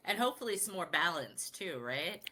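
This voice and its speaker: A woman's voice: on the low side, big pitch swings, fairly quick, bright, forceful tone, slightly rough. A woman hosting a podcast interview, asking questions and affirming her guest. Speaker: podcast host. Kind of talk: conversational interview.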